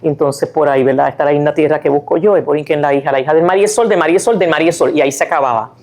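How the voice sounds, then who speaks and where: Chatty woman author, lowish voice. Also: rapid-fire, darkish tone. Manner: chatty, many fillers and restarts, tag questions; sings and hums lines of a song to illustrate. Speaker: author and guest speaker. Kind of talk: lecture-style talk.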